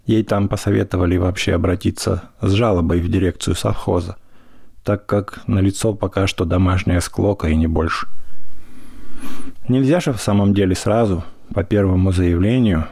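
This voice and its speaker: Мужчина читает вслух рассказ, спокойно и с иронией ведя повествование. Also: male voice, sits low, creaky, dark tone, dry recording, clean studio sound. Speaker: narrator. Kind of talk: literary audiobook reading.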